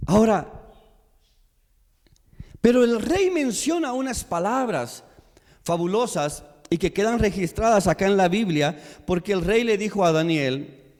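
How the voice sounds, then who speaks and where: A man preaching a sermon as pastor in a church, slow and emphatic, repeating his questions to the congregation. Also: high voice, animated, darkish tone. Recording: long church hall reverb.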